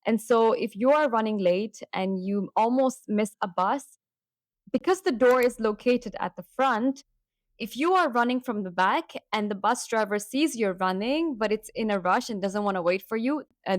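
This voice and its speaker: A young woman from Hong Kong, chatty and animated, talking casually to camera in a vlog. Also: mid-range voice, normal speed, no room sound. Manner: chatty and animated, with emphatic repeats. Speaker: vlogger.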